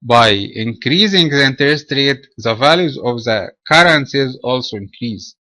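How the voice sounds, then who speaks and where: A man from Egypt presenting a trading webinar in a measured, explanatory way. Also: medium pitch, animated, sharp tone, no echo.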